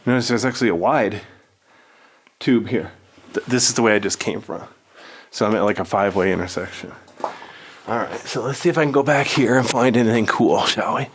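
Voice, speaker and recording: Exploring inside a lava tube cave, a man narrates his trip in casual, unscripted vlog style, picked up by his action camera's mic. His voice is on the low side and brisk with frequent pauses, with a slight hiss or hum in the audio.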